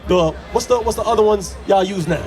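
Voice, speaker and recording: A man from Jamaica preaches on a city street in a fairly high voice, lecturing and firing questions, often raising it to a shout. Music and a loud crowd carry on around him outdoors. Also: fairly quick.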